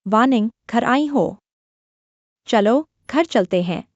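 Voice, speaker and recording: A woman's voice: fairly high pitch, animated, takes it slowly, darkish tone, no room sound, lo-fi sound. A woman voicing a doting wealthy grandmother in a dubbed drama, eager and fussy.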